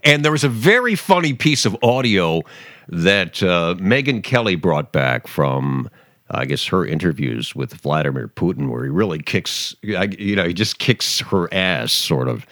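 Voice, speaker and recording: A man's voice: sits low, sing-song, measured pace, fairly bright tone, no echo, clean studio sound. A man hosting his own talk podcast, rambling and sarcastic, with many fillers and restarts. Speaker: podcast host. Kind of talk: opinionated talk podcast monologue.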